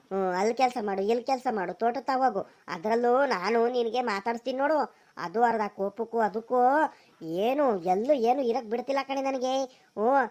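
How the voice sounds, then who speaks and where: A woman's voice: a little high, darkish tone, close to an everyday voice. A woman voicing a sly young village man in a cartoon, talking in a coaxing, soothing way. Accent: Karnataka rural Kannada. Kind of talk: cartoon voice acting.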